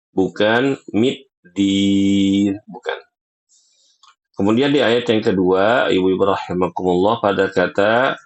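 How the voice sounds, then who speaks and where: A male recitation teacher speaks in a low, measured voice. He corrects mistakes calmly and stretches each example word out carefully. His pace stays unhurried throughout. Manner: patient, corrective, models words slowly. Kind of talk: recitation lesson.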